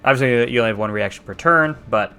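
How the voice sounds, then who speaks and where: A man's voice: medium pitch, quick pace, creaky, bright, forceful tone, clean tone, soft background music. A man narrating a tabletop game as game master in a casual, conversational style. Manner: casual swearing.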